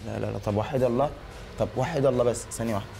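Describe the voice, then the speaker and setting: Rapid-talking Egyptian prankster, deadpan and provoking. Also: male voice, medium pitch, vocal fry. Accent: Egyptian Arabic. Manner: calm, provoking deadpan with insults. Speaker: hidden-camera prankster posing as a hairdresser. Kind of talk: hidden-camera prank. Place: hair salon.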